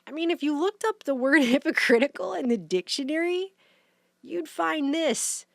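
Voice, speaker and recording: A woman giving casual, sarcastic commentary in long, rapid run-on rants. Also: high voice, lively intonation, gravelly, dry recording, studio quality. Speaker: vlogger, commentator.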